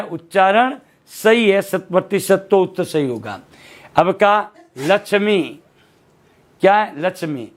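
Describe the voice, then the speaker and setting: Slow, high-voiced Hindi teacher man. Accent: Rajasthani Hindi. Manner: asks questions and answers them himself, repeats words slowly. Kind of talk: classroom lesson, quizzing the viewer.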